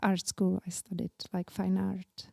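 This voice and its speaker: A woman in her forties with a Czech accent, speaking English as a second language, telling about her life as an interview guest in halting, earnest sentences. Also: medium pitch, monotone, vocal fry, warm tone, no room sound, studio quality. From Czech Republic. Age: 40s. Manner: halting non-native English, plain and earnest. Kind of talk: casual interview.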